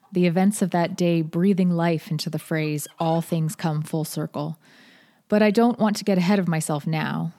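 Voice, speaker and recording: A woman hosting a storytelling podcast, reading scripted first-person narration in a measured, articulate way. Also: on the low side, mellow.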